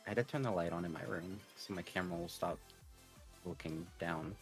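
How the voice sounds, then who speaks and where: A man's voice: low voice, fairly quick, rough recording. A man co-hosting a casual live stream, making dry joking remarks. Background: faint background music.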